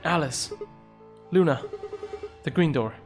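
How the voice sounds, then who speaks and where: A man streaming a video game live, reasoning through his choices out loud with playful, jokey asides. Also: a little high, takes it slowly, soft background music. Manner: thinks aloud, reasoning things through. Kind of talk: live gameplay commentary.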